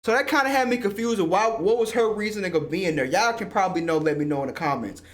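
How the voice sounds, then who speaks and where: A man hosting a casual spoiler review of a film, excitable and slangy, swearing freely and often laughing. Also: sits high, fast. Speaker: movie reviewer and host.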